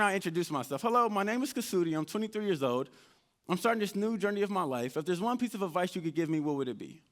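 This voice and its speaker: Male motivational speaker with a high voice, animated storyteller who acts out his own dialogue on stage. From United States (Indianapolis). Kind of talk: live motivational storytelling talk. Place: event stage before an audience.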